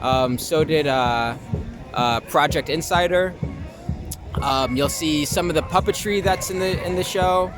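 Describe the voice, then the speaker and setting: Speaking unhurriedly in a voice on the high side, this young actor and artist from Long Island, New York, gives relaxed, hesitant interview answers, thinking aloud as he goes. Music plays in the background, and the noisy recording was made outdoors on a city street with traffic.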